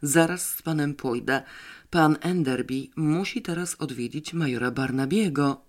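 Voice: mid-range voice, natural voice. A reader voicing a confident young woman who speaks firmly and decisively. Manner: firm, decisive, brisk. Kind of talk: audiobook character voice.

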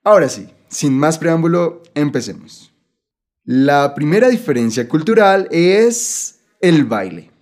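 A man's voice: a little high, expressive, takes it slowly, darkish tone. A man hosting a language-learning podcast, talking cheerfully and with enthusiasm, with an easy laugh. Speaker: podcast host and teacher. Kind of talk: scripted podcast narration.

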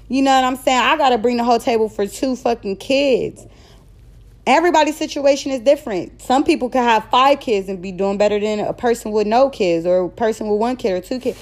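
A woman's voice: on the high side, brisk. A woman in her thirties hosting a podcast on her own, talking bluntly and candidly in a casual monologue and sometimes stumbling over her words. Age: 30s. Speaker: podcast host.

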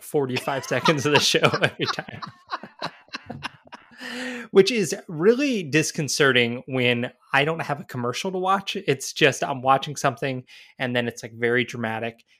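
A man's voice: mid-range voice, lively intonation, normal speed, pushed and bright. A man co-hosting a podcast, chatting casually in a wry, rambling way and often correcting himself mid-sentence. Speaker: podcast co-host. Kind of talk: casual chat.

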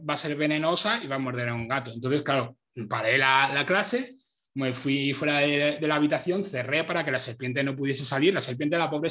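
A man, a teacher telling stories as a guest in an interview, lively and laughing often. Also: mid-range voice. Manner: animated, laughs often, many restarts. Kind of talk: casual storytelling in an interview. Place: home.

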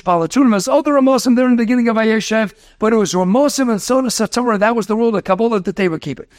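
In a clean studio recording with no echo, a male rabbi with a very high voice delivers a rapid Torah lesson. He mixes in Hebrew and Yiddish terminology, asks rhetorical questions, and tells stories.

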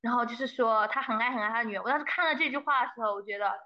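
Lively young woman telling a story. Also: fairly high pitch, rapid-fire, muffled recording. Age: young adult. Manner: animated storytelling, mixing in English phrases. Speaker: guest. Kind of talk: casual interview chat.

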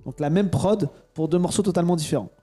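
A man's voice: a little high, fast talker, mellow, breathy edge. A man in his thirties hosting a casual podcast quiz, teasing and playful. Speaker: podcast host.

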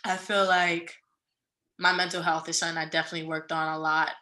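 A woman's voice: on the low side, little pitch movement, a little fast, bright, forceful tone, rough recording. A woman, co-hosting a podcast and giving earnest, rambling, motivational talk. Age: 20s. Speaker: podcast co-host. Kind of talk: casual chat.

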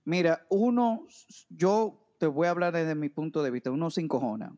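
A man's voice: a little high, moderate pace, dark tone. A man who speaks bluntly and comically, telling stories in casual chat among friends. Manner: blunt, comic, talks straight to his friends.

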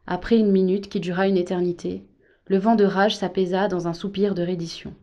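A woman narrating a novel in a measured, gentle storytelling voice. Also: fairly low pitch, level tone. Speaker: audiobook narrator. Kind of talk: scripted narration.

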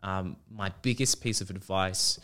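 A man's voice: low-pitched, fairly even intonation, unhurried, fairly bright tone, clear, resonant tone. A man, a teacher being interviewed, telling casual self-mocking stories with a joking manner.

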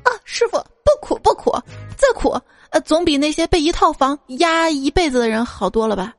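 A brash, mischievous monkey king, put on by a woman, with a shrill, high voice that climbs even higher than her own. He is cocky and loud, tripping over his words when he gets worked up. Soft music plays faintly behind him. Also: moderate pace. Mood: cheeky. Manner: cocky, shouting with stammered outbursts.

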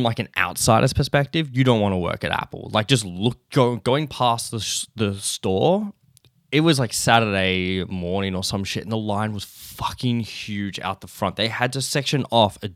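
A young Australian man talks through a loose, profanity-laced solo podcast episode, a bit drowsy from just waking up. His voice sits very low and comes through smooth and clear. The sound is close and dry, with no room around it. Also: a bit bright, no room sound. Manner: rambling, swears often, laughs between thoughts. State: sleepy, just woken up. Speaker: podcast host. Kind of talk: casual solo podcast chat.

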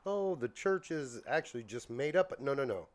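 A man co-hosting a casual podcast, rambling through halting explanations while getting over a bronchial cough. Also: mid-range voice, animated. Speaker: podcast co-host.

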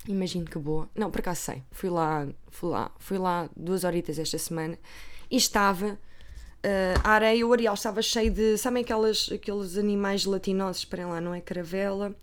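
A woman's voice: medium pitch, fairly even intonation, fairly quick. A woman with a European Portuguese accent, chatting casually about gossip magazines, rambling and sometimes dropping to a whisper.

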